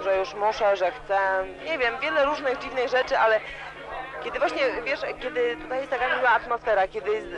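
A woman in her twenties giving a rambling, emotional party interview, heard on old worn tape. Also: a little high. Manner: rambling, emotional, keeps saying "you know". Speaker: student radio interviewee. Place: student club during a party. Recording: dull lo-fi old cassette tape. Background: loud music.

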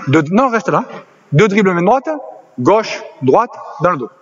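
A man coaching basketball players on court, directing drills with quick commands and encouragement. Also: high voice, big pitch swings. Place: indoor basketball gym. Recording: slightly dull lo-fi sound with faint noise.

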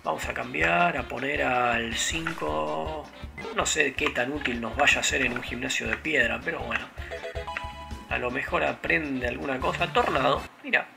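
A man's voice: mid-range voice, a little slow, vocal fry. A man with a Rioplatense Spanish accent giving casual, digressive gameplay commentary full of fillers. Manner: rambling, digressive storytelling with frequent fillers. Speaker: let's play host. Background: video game music.

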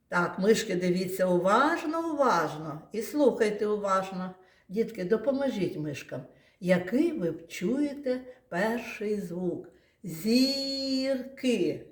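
A woman's voice: mid-range voice, reverberant. A woman teaching a phonics lesson to small children, talking in a patient, sing-song way. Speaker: kindergarten teacher.

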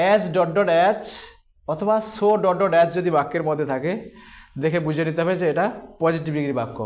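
A man with a fairly high voice teaches a grammar lesson. He takes it slowly, repeating each term and breaking words into syllables, and he asks questions and then answers them himself. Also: darkish tone.

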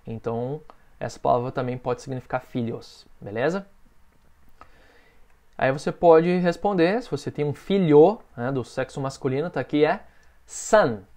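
A man with a Brazilian Portuguese accent teaching a beginners' English lesson, patiently drilling phrases and saying each model sentence slowly. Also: mid-range voice, lively intonation, darkish tone.

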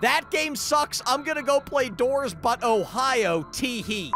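A man with a very high, bouncy voice gives frantic gameplay commentary, repeating his exclamations as he panics. Game music plays clearly behind him. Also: expressive, a little slow, pushed and bright. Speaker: gamer reacting.

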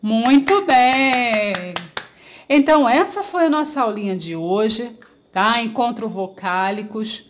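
A woman's voice: fairly high pitch, expressive, a little slow, slight background noise. A woman with a Brazilian Portuguese accent teaching a children's grammar lesson, drawing out syllables, asking pupils questions and praising their answers.

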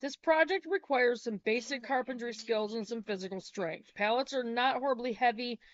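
A middle-aged woman with a voice on the high side reads practical homesteading instructions at a moderate pace, making minor self-corrections. She records in a small wood-paneled room on a laptop webcam, so the sound is dull and lo-fi.

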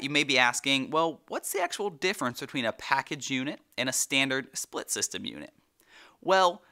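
A man's voice: on the high side, sharp tone. A young man hosting a company explainer video, speaking upbeat and friendly to camera from a studio set. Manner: upbeat, friendly, talks with his hands.

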